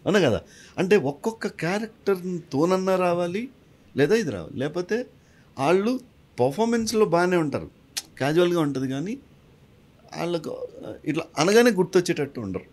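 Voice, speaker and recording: A man who works as a mimicry artist and actor, answering interview questions in a lively way and mixing English phrases into his talk. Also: sits high, fairly quick, pauses often. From a village. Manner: animated, mixes English into his speech.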